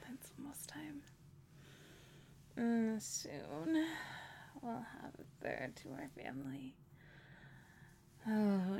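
Young woman whispering soft n slow, lots of hums, bit of vocal fry. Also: medium pitch, a little hiss or hum. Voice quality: mostly whispered, soft and intimate, with gentle hums. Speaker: roleplaying a pregnant wife. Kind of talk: whispered ASMR roleplay.

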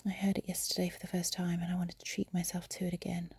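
A young adult woman whispering softly and confidingly into a phone while lying in bed. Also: on the low side, monotone, no echo. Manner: soft breathy whisper, unhurried and confiding. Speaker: amateur audio creator. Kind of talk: whispered intimate audio diary. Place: in bed, lying on her side. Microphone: phone held close.

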